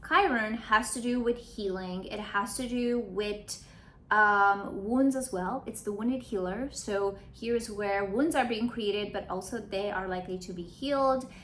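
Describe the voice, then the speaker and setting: A woman's voice: medium pitch, a little slow, fairly bright tone, slight background noise. A woman in her late twenties from Romania, an astrologer talking through her travels in a chatty vlog, often checking in with "right?". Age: late 20s. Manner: chatty, explains terms with tag questions. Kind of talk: casual explanatory vlog.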